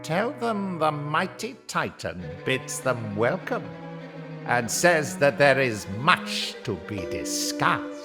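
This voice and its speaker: An actor playing Titan, a tyrannical undersea ruler, pompous and scornful in an audio drama. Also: male voice, on the high side, big pitch swings, takes it slowly, over music. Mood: scheming.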